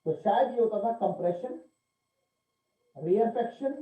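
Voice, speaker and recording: High-voiced man teaching physics in an echoey classroom. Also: expressive, measured pace. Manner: repeats questions and answers them himself, calls students 'beta'. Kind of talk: classroom lecture. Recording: echoey room, tinny phone-like sound.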